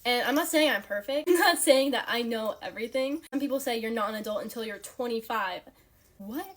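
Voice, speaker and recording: A young woman in her late teens speaks to camera with a slightly high voice. She makes her points bluntly and leans hard on each one. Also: a little fast. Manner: emphatic, blunt, rising to forceful points. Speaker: young wife and mother sharing opinions. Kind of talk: opinion talk to camera.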